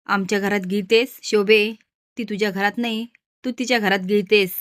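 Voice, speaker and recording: Woman playing a stern old man, firm and loud, flat delivery, dry sound. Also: medium pitch, normal speed, no echo, close to an everyday voice. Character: stern elderly man, head of household.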